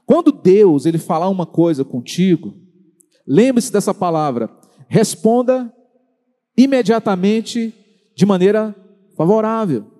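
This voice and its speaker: A Brazilian pastor preaches in a high, dark-toned voice. He stretches out key words and puts direct questions to his listeners. His voice rings with the long reverb of a large church hall. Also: expressive. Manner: preaching with slow, drawn-out emphasis and direct questions to the congregation. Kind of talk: sermon. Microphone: handheld or stand microphone.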